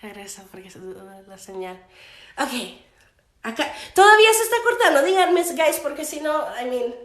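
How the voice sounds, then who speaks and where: A woman English teacher on a live stream, switching between Spanish and English and slowing down for example sentences. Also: high voice, big pitch swings, a bit bright. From United States. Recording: echoey room, voice a little far from the mic.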